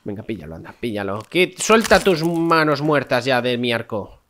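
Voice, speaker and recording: A man with a mid-range, sing-song voice, congested and nasal from a cold, chats casually with viewers while playing a game and swears often. He's a gameplay streamer doing let's-play commentary at a moderate pace, his tone a bit bright, with slight background noise.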